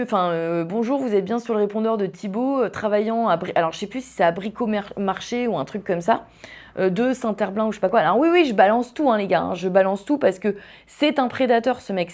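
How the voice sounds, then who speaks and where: A young woman from western France hosting a podcast, telling a personal story in a casual, animated way, with lots of fillers and restarts. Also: medium pitch. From Vendée, France. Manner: animated, tumbling speech with frequent fillers and restarts. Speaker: podcast host.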